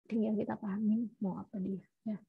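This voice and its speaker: A woman's voice: medium pitch, little pitch movement, fairly quick, vocal fry, slightly rough. A woman teaching a class on child language development, explaining step by step and often checking in with "ya" and correcting herself mid-phrase. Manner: explanatory, frequent tag "ya", self-corrections. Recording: muffled lo-fi recording.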